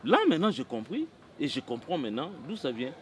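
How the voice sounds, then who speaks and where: A man's voice: mid-range voice, very animated, brisk, a little hiss or hum, natural voice. A man playing an indignant man who rants about two louts in a film. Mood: ranting. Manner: indignant, ranting. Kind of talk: Congolese film acting.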